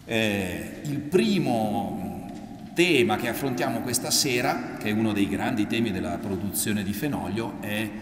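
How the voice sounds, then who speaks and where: A priest giving a reflective literary lecture, explaining slowly with pauses and fillers. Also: male voice, lowish voice, lively intonation, a little hiss or hum. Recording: roomy hall from far off.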